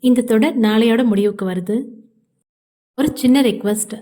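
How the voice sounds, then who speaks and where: A woman's voice: fairly high pitch, normal speed, dark tone. Woman reading an audio novel. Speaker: storyteller.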